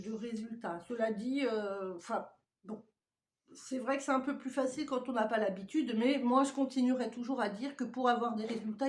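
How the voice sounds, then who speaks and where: A woman's voice: on the high side, a little mellow. A woman vlogger chatting casually at home as she unboxes a parcel, rambling off on tangents and laughing often. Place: home indoors.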